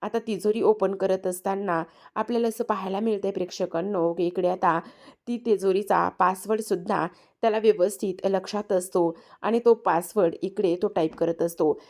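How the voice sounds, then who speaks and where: A woman's voice: medium pitch, steady tone, normal speed, gravelly, darkish tone. A woman narrating a TV serial episode recap, speaking straight to viewers and leaning on repeated filler words. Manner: addresses viewers directly, repetitive filler words.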